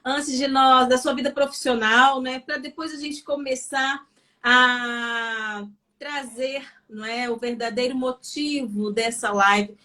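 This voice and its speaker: A woman hosts a live online interview over a video call. Her voice sits a little high, and her delivery is effusive, full of faith-filled phrasing. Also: sharp tone. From Espírito Santo, Brazil. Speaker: host.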